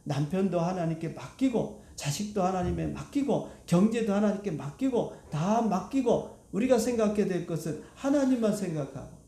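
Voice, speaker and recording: A man's voice: high-pitched, animated, normal speed, hardly any pauses, warm tone, roomy sound. A male pastor preaching a sermon to his congregation, asking it rhetorical questions. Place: church sanctuary.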